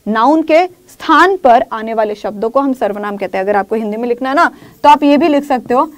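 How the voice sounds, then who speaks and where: A woman teaching English grammar in Hindi. She says English example sentences slowly, repeats key phrases and keeps checking in with her students. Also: on the high side, lively intonation.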